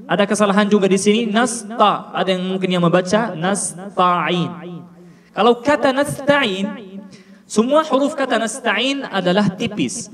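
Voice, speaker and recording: A high-pitched man teaches Quran recitation, repeating each syllable carefully to model it and quizzing the room. His voice rings with a long hall reverb, and a crowd is clearly audible behind him. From Palestine. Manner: deliberate, repeats sounds to model pronunciation, quizzes listeners.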